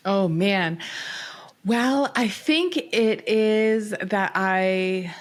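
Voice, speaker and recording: A Canadian woman talking as a guest on a podcast interview, chatty and quick to laugh. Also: mid-range voice.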